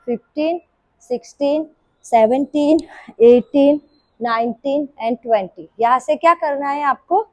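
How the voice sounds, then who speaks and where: Lady yoga teacher w sore throat, high voice, slow and dry, counting reps n nagging the class. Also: dry recording, poor audio. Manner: scolding, coaxing, counts reps aloud. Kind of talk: live group class instruction. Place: indoor yoga class room.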